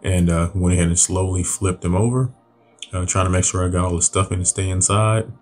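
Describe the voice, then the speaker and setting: A man in his thirties, host of a home cooking channel, narrating his grilling in a relaxed, loose way with lots of fillers and restarts. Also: sits low, a little fast. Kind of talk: casual voice-over narration.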